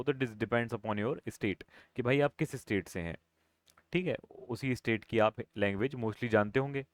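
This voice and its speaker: A lower-voiced male instructor talks students through exam preparation, switching between Hindi and English and circling back to his points with quick tag questions. His voice is smooth and resonant. The sound is dry and close. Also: no echo. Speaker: coaching instructor. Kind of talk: explanatory exam-prep lesson.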